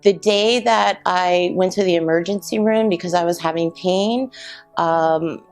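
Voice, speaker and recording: A middle-aged woman telling her own cancer survival story, reflective and halting with many pauses. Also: on the low side. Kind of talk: personal testimony. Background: soft guitar music.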